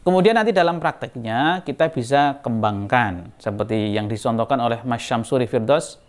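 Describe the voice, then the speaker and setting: A man teaching a Quran recitation melody, explaining the steps and showing them. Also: medium pitch. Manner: explains a melody and then chants the verses slowly. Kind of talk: recitation lesson.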